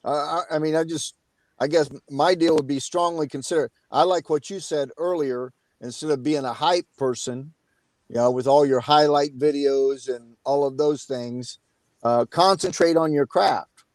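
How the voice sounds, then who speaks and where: A man's voice: fairly high pitch, fairly even intonation, moderate pace, a little mellow, no room sound. A man in his fifties, a college basketball coach, answering interview questions casually over a video call, with many fillers. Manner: many uh fillers, plain-spoken.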